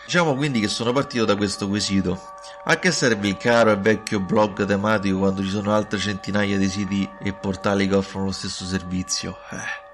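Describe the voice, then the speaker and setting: A man with a very low voice hosts a podcast, pausing and repeating words as he goes. His audio is poor quality because it was recorded without a proper microphone, and music runs clearly beneath his talk. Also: steady tone. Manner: hesitant, repeats words and trails off with fillers. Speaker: podcast host. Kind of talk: casual spoken podcast intro.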